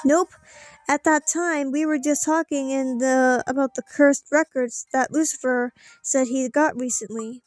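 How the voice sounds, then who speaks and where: A woman let's play streamer voices a story game's dialogue dramatically, mixing in casual remarks. She speaks in a high, steady tone without hurrying. There's no echo, just faint music in the background.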